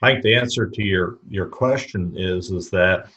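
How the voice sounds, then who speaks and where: Deep-voiced and a bit bright, the podcast guest speaks at normal speed through lo-fi sound. He is a middle-aged retail educator from suburban Chicago, reflective in manner, who often repeats words as he starts phrases over.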